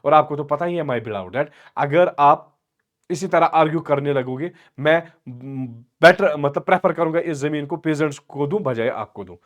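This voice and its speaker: A man's voice: a little high, normal speed, muffled recording, close to an everyday voice. Man doing a patronizing older father. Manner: soft, patronizing, sugary. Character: older father, smooth condescending landowner.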